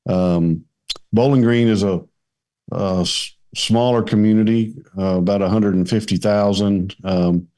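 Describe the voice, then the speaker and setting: A middle-aged man with a West Kentucky twang, chatting as a podcast guest in a folksy, halting way. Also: on the low side, steady tone, warm tone. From Kentucky, United States. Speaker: podcast guest, men's ministry leader. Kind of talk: casual conversational interview.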